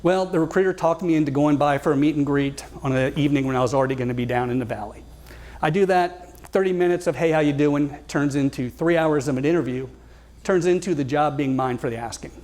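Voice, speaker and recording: Man, fifties, slightly high voice, wry, conversational, live storytelling talk, asks the audience questions. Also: fast, a little mellow. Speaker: guest speaker.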